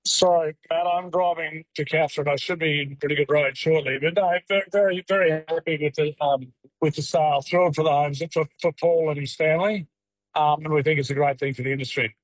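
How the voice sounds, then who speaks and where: A man talking over a patchy phone line from his car. He speaks haltingly, repeating words and using many fillers, as a guest on a radio interview. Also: a little high, fairly even intonation, no echo. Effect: phone call from a moving car, dropping reception. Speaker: live cattle exporter, phone-in guest.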